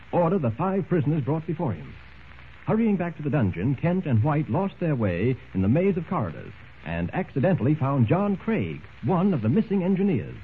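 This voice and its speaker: A man narrating a story in a dramatic, measured way, heard as an old radio show broadcast. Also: on the high side. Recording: tinny old radio recording with faint hiss.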